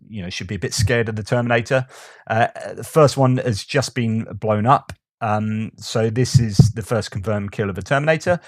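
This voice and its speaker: A man's voice: on the low side, darkish tone, dry recording, studio quality. A man giving casual commentary on war news, reading out quotes and asking rhetorical questions.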